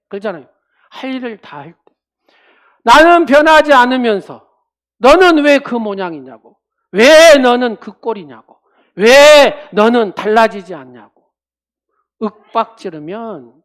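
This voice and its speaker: A woman pastor preaching a sermon. She calls on the congregation, acts out quoted speech, and swings from loud to quiet. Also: fairly low pitch. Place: church.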